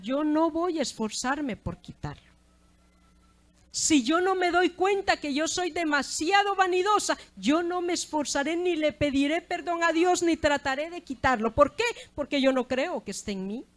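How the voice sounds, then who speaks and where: A woman with a high voice preaches a sermon in an earnest, heartfelt way. She is middle-aged and often stops to praise God between her phrases. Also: normal speed. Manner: earnest preaching with repeated "gloria sea al Señor".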